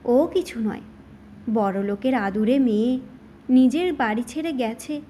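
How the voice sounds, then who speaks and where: A woman's voice: a little high, measured pace, dark tone, a little hiss or hum, natural voice. A woman reading the lines of an older aunt who soothes and brushes off worries, in an audio story. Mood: reassuring. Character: older aunt, reassuring and dismissive.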